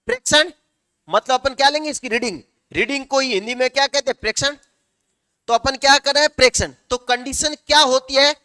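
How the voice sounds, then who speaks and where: A male teacher giving a lecture, asking the class questions and answering them himself, sometimes slowing down to dictate notes word by word. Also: extremely high pitch, bright, forceful tone, no echo, clean studio sound.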